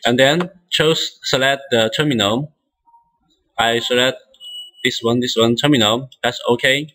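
A man who speaks English as a second language demonstrates software step by step, his phrasing halting and full of restarts. His voice is bright and forward at a middling pitch, with a steady tone, on a rough recording.

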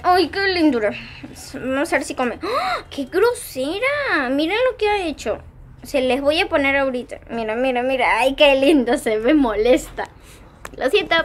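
A woman vlogging at home with her pet rabbit, giggly, excitable and chatting with her viewers. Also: high-pitched. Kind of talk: casual home vlog.

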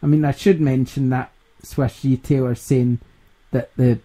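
A man's voice: medium pitch, fairly even intonation, measured pace, dark tone. A Scottish man hosting a gaming podcast in casual chat, laughing often and rambling. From Scotland. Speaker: podcast host.

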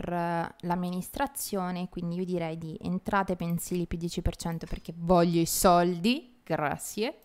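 A young woman streamer chatting casually while playing a strategy game, playful and quick to laugh as she reads the chat. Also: on the low side, a little mellow, clean tone. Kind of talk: casual live game commentary.

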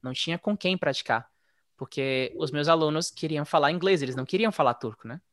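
A man telling his story in a relaxed, chatty way, as a guest in a casual interview. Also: a little high, fairly quick, dry recording, clean studio sound. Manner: relaxed, chatty, frequent "né?" tags. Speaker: interview guest, former English teacher living abroad.

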